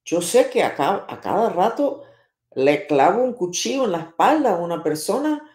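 A woman's voice: lowish voice, sing-song, moderate pace, a little mellow. A woman voicing a confused, remorseful Scorpio who is close to tears, in a roomy recording. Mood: bewildered. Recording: roomy echo.

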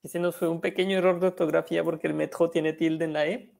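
A French teacher gives an online lesson over a video call, spelling words letter by letter and switching between Spanish explanations and French examples. The voice is mid-range, gravelly and darkish, with flat delivery and a quick pace.

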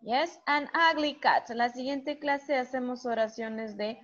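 A woman teaching a primary school English class online, drilling vocabulary with slow, patient repetition. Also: sits high, a bit bright, muffled recording.

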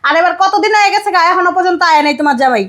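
A woman playing a shrill nagging wife. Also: racing, fairly bright tone. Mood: scolding. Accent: Bangladeshi Bengali. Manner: scolding, shrill, insulting. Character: nagging middle-aged wife and mother.

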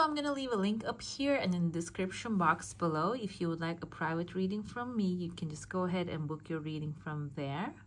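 A woman speaking as a fortune teller, giving a casual, conversational reading straight to the listener. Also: medium pitch. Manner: fortune teller's direct address to the listener, often checking with "okay?". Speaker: fortune teller, channel host. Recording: clearly noisy background.

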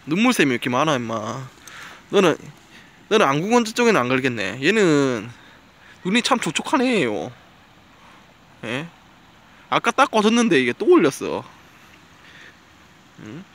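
A man with a fairly high, fairly bright voice chats casually to camera while walking his dog along a gravel riverbank outdoors at dusk. Now and then he coaxes the dog.

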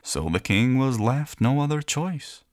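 A man reading a children's fairy tale aloud in a gentle, playful storyteller manner. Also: medium pitch, animated, measured pace, dry recording, studio quality. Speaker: narrator.

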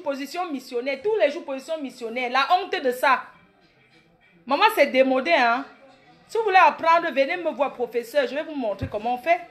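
A woman in her late thirties with a Cameroonian French accent, doing a brash, boastful comedy monologue that mocks her critics. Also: high voice. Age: 30s. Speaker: comedic vlogger.

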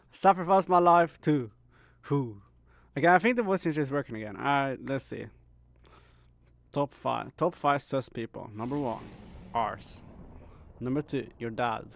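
A young man chats loosely through a live gaming stream, laughing and tossing out "bro" and "man" between plays. His voice has a gravelly fry, and the sound is dry and close with no room around it. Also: mid-range voice, unhurried, pauses often, dry recording. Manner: laid-back, laughs often, says "bro" and "man" a lot.

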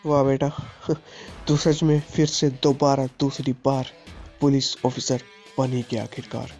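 A man's voice: medium pitch, steady tone, unhurried, a little mellow, faint music behind. A man voicing an angry poor father who rants and threatens while narrating a game story. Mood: fatherly. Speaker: gaming channel host.

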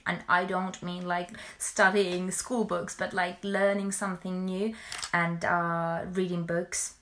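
A woman's voice: on the low side, flat delivery, slow pace, a bit bright, slight background noise. A young adult woman from Finland chatting casually on a livestream, hesitant and often repeating her words as she goes. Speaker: musical performer livestreaming to followers. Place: small bedroom at home, indoors. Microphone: phone or webcam at arm's length.

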